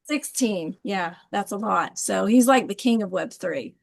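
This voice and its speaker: Gushing woman host, gravelly fry, mid pitch, video call. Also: animated, unhurried. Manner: upbeat, gushing. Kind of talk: introducing a guest on a group call.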